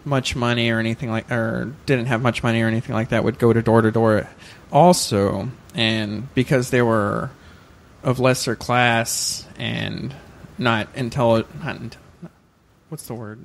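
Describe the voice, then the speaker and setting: Hesitant man recounting research on a podcast. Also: medium pitch. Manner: hesitant, self-correcting, many fillers. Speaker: podcast co-host.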